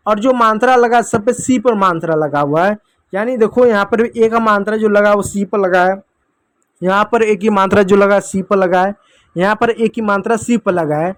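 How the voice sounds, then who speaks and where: Man, high voice, patient kids' teacher, dry close sound. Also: normal speed, dry recording. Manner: patient, repeats points, addresses kids often. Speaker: English teacher. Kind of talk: classroom lesson for kids.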